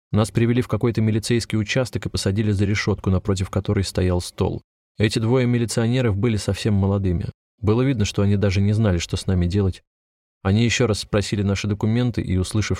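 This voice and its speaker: Audiobook narrator: man in his 20s, calm and measured, low voice, dead-dry sound. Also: no echo. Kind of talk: first-person audiobook narration.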